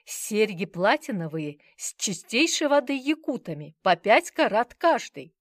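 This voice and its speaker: A woman doing an eager, flattering salesman. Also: on the high side, measured pace, dry recording, clean studio sound, voice pushed up, heavily acted. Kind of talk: audiobook character reading.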